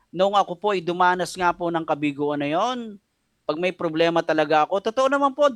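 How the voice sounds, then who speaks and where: A man's voice: sits high, a bit bright, no echo, studio quality. A middle-aged man with a Filipino accent preaching a radio sermon, telling a personal story with feeling and mixing Tagalog and English. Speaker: pastor.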